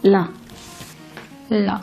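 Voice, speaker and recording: A woman with an Egyptian Arabic accent teaches handwriting, showing how to write letters step by step and cheerfully weaving in chatty stories. She speaks very slowly. The sound is lo-fi, with soft music in the background.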